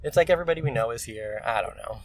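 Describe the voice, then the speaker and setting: This man from California talks very fast with lively intonation and an American accent, though he's hesitant and keeps letting sentences trail away in casual conversation. A crowd can be heard behind him, and the recording is rough with clear ambient noise.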